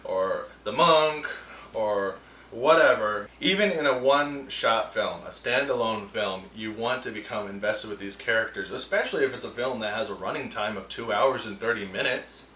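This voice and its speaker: A man's voice: mid-range voice, normal speed, sharp tone, a little hiss or hum. A man hosting a film review show, ranting with sarcasm and animation in a casual, opinionated way. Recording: roomy echo, distant mic, faint ambience.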